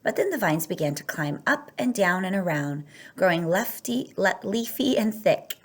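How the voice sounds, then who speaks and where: At a moderate pace and in a sing-song, lowish voice, a woman reads a children's picture book aloud. Her telling is expressive, and she lengthens words to emphasize them.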